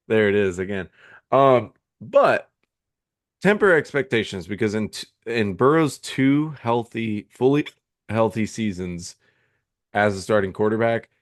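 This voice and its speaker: A fairly low-pitched man co-hosts a casual fantasy football podcast over a remote call, captured in a dry, clean studio recording. He rambles with plenty of fillers and restarts, hiccuping all the while.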